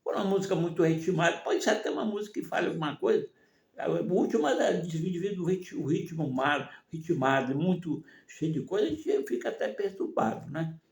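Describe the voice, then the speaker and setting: A man's voice: fairly high pitch, brisk. An older man, giving folksy, moralizing advice in a rambling casual monologue and constantly checking in with his listeners. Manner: rambling, keeps asking "né?" and "não é mesmo?". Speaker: vlogger. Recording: echoey room.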